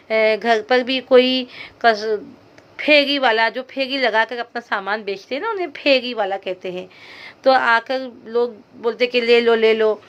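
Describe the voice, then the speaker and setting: A woman's voice: fairly high pitch, fairly bright tone. A woman teacher reading a story aloud to young students, stopping to explain hard words along the way. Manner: talks straight to young students.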